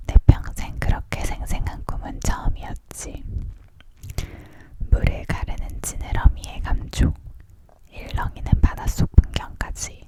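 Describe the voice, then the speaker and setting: A reader voicing a proud, chatty, furry big-pawed creature in a storybook, as whispered role-play, leaning in close. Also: close to an everyday voice.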